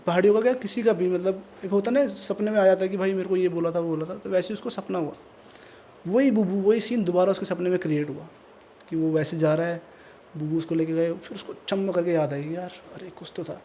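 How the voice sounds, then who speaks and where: A man with a Pahari Hindi accent telling a spooky tale on a podcast mic, casual and animated. His voice sits high but sounds warm and mellow, with a faint hiss of background noise. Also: fast. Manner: animated, conversational, acts out voices. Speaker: storyteller guest. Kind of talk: casual horror storytelling.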